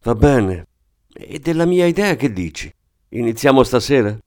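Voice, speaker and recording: A man reading aloud and voicing an eager, clumsy small-time thief with a wheedling, excitable manner. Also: mid-range voice, normal speed, pitched above the performer's own voice. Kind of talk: audiobook character voice.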